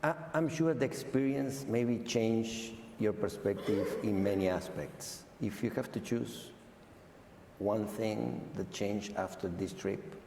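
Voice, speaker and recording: A man's voice: on the low side, takes it slowly, vocal fry, mellow, a little hiss or hum. A man hosting an onstage interview, talking in a playful, teasing way. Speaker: conference host and interviewer. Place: large hall at a live event. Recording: echoey hall with crowd.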